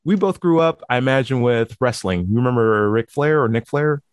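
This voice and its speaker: A male podcast host who jokes and teases his guest in casual chat. His voice sits at an ordinary middle pitch, recorded close and dry with no room sound. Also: brisk, dry recording. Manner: jokey, playful, teasing.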